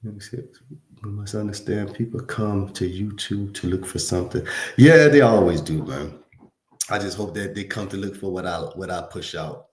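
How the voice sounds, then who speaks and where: Man from Louisiana, low voice, laid-back livestream chat, slangy, echoey room. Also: moderate pace. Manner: laid-back, slangy, talks straight to viewers. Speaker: livestream host. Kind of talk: casual livestream chat reading comments.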